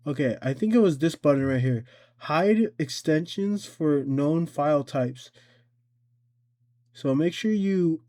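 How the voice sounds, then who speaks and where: A man with a slightly high voice hosts a casual, unscripted software tutorial. He thinks aloud as he works, haltingly repeating and correcting himself.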